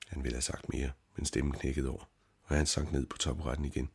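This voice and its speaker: A man reads the story's narration in a steady, unhurried audiobook style. His voice sits extremely low and carries a husky edge.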